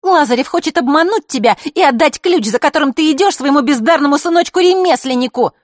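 A woman's voice: sits high, expressive, fast, no room sound, studio quality, pitched above the performer's own voice. A woman voicing a scheming teenage girl who taunts her rival in a sneering way. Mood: mocking.

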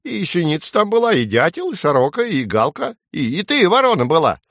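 A man voicing a cheeky, excitable male sparrow in a storybook reading, chirpy and quarrelsome. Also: on the high side, a little fast, dry recording, studio quality, pitched above the performer's own voice. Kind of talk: storybook character voice.

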